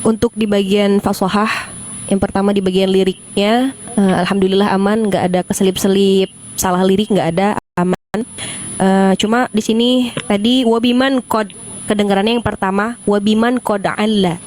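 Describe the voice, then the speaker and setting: A woman judging Arabic pronunciation in a singing contest, methodical and halting. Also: medium pitch, steady tone, darkish tone, slight background noise. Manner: methodical, hesitant with many "eh" fillers. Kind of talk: critique in an online singing contest.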